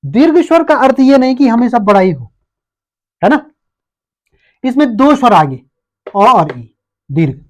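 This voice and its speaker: A man with an Uttarakhand Hindi accent teaches an exam-prep lesson and keeps answering his own questions. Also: high voice.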